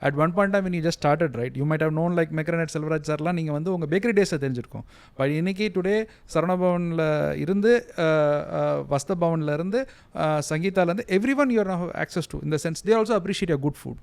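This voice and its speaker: A man with a Tamil Indian accent interviews at a very rapid clip in a slightly high voice. He is deferential and effusive, quick to agree, and the sound is dry and close. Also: darkish tone, clear, resonant tone, no echo. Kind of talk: conversational interview.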